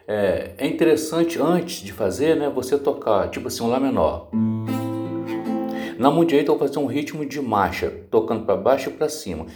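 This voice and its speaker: A man's voice: medium pitch, darkish tone. A man teaching guitar by ear in a casual lesson, patient, with frequent filler words and off-key singing of chord names. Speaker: music teacher. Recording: roomy sound with guitar playing.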